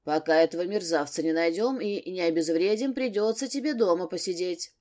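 A woman narrator voicing a gruff but tender husband who mutters in a low voice. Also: a little fast, darkish tone, natural voice.

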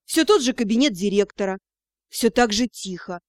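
A woman's voice: mid-range voice, expressive, moderate pace, no room sound, studio quality. A woman narrating a first-person fantasy story as an audiobook reader, telling it expressively and acting out the dialogue.

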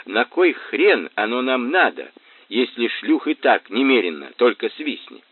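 A man's voice: mid-range voice, big pitch swings, a little slow, slightly rough, dry recording, pitched above the performer's own voice. A man voicing a drunk, rowdy thug who blusters coarse threats; tinny, dry recording. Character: drunk, rowdy middle-aged male thug. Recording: tinny phone-like band, dry.

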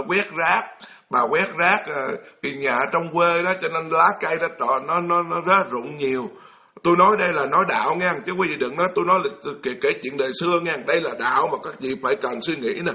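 A Buddhist monk from the Mekong Delta with a Southern Vietnamese accent tells a folksy story during a dharma talk, posing questions to his audience. His voice is on the high side with a sharp tone.

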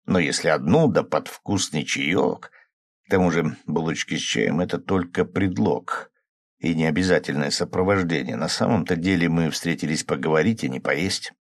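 A man calmly narrating a novel in the first person as an audiobook. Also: a bass voice, moderate pace, no room sound, clean studio sound.

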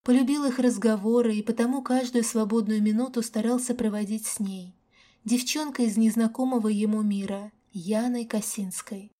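A woman reading a romance novel aloud as an audiobook narrator, with a calm, even delivery. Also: on the high side, normal speed. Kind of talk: scripted narration.

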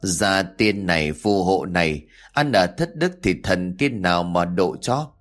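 A man voicing a vengeful female ghost, a dead wife come back for revenge, speaking in a hushed, menacing voice. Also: sits low, animated, unhurried. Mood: mocking.

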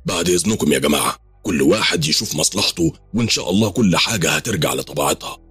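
A man doing a calm Egyptian imam. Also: extremely low pitch, rapid-fire, breathy edge, no echo, soft background music, full character voice. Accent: Egyptian Arabic.

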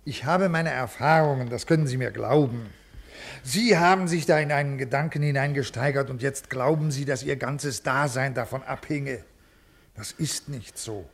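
A man's voice: medium pitch, moderate pace, close to an everyday voice. An actor playing a stiff, rule-bound male official who speaks formally, in classic radio drama style. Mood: officious. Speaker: government official.

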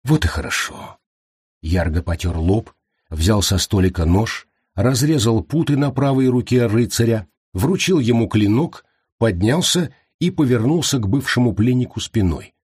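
A man narrating a fantasy audiobook in an expressive, lively reading. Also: mid-range voice, normal speed, breathy edge, dry recording, clean studio sound. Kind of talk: scripted narration.

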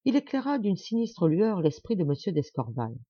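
A woman reading a novel aloud in an expressive, dramatic narration. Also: lowish voice, moderate pace, husky, dry recording, muffled recording. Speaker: audiobook reader. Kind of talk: scripted narration.

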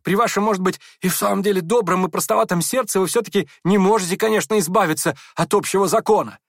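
Нервного, обидчивого юношу: визжит, голос на пределе. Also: male voice, sits high, quick pace, no room sound, clean studio sound, pitched above the performer's own voice. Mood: shrill. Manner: shrieking, strained. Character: shrill, touchy, sickly young man. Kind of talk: audiobook character voice.

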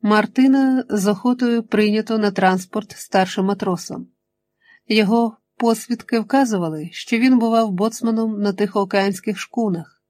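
A woman narrating an adventure audiobook in a steady, measured reading voice. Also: mid-range voice, no room sound. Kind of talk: scripted narration.

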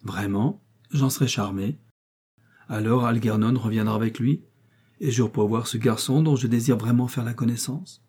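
A man voicing a grave, probing old gentleman. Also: medium pitch, normal speed, husky, close to an everyday voice. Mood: courteous. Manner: grave, questioning. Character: strange rich older gentleman visitor, probing.

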